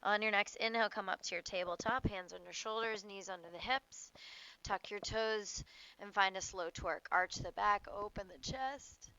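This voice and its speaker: A woman instructor guiding a warm-up yoga class outdoors, giving short cues for moves and breath in a casual, playful way. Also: medium pitch, fairly even intonation, moderate pace, clean tone, dull audio.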